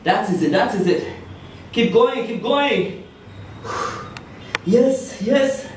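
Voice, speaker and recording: Male aerobics instructor, middle-aged: very high voice, very slow spaced counts, exerted and encouraging, recorded far from the mic in an echoey room. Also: animated. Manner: encouraging, exerted, short shouted cues with puffs. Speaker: fitness instructor leading a workout. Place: indoor tiled room, on an exercise mat. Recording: echoey room, distant mic, faint noise.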